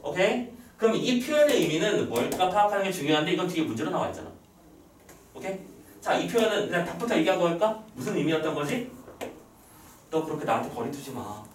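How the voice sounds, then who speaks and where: A male teacher giving an online lesson, quizzing his students with quick rhetorical questions and acting out lines from the text. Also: high-pitched, animated, a little hiss or hum. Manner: reads the text's lines aloud in acted voices. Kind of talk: online lecture. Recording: roomy echo, a little far from the mic.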